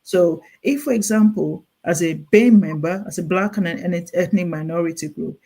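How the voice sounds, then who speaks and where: In earnest explanatory interview talk, a Nigerian-accented clinical nurse specialist urges her points, restarting and repeating often. Her voice is lowish and warm, and she talks at a normal speed.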